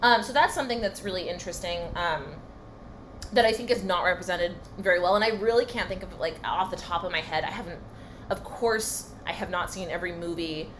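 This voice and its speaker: A young woman from California talks casually as a podcast co-host. She pauses often, fills gaps with "um" and "like", and picks her words with care. Faint music and street noise from the city seep in behind her. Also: fairly low pitch, fairly bright tone, rough recording. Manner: thoughtful, hesitant, many fillers. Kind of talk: casual chat. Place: apartment in a noisy city.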